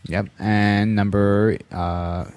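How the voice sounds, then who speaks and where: Low-voiced man reading a countdown. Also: little pitch movement, extremely slow, a little mellow, dry recording. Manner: reads out a countdown list, short replies. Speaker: podcast co-host. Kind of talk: casual podcast chat.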